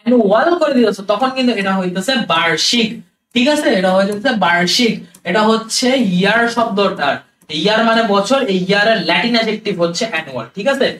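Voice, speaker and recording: A man teaches vocabulary at a brisk clip. He repeats terms, mixes in English and keeps checking that the class is following. His voice reaches the mic from some distance, bouncing around an echoey room. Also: high-pitched, expressive, fairly bright tone. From Bangladesh.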